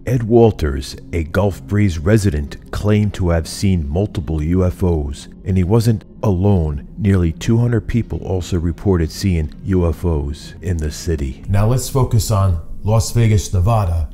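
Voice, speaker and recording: Middle-aged man, very deep voice, dark tone, steady scripted narration, indoor studio, faint background music. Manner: steady, measured delivery. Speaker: YouTube host. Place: indoor studio room with monitors.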